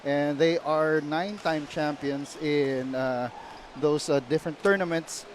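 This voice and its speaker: A man's voice: fairly high pitch, fairly even intonation, unhurried, a little hiss or hum. A man with a Filipino accent hosting live sports commentary as a play-by-play broadcaster.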